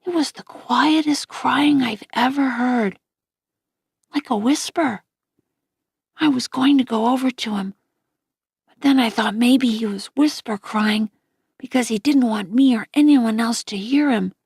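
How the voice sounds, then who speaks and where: A woman reading a novel aloud in a gentle, unhurried way. Her voice is fairly high with a gravelly, husky edge, and the recording is dry and close. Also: dry recording. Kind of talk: audiobook narration.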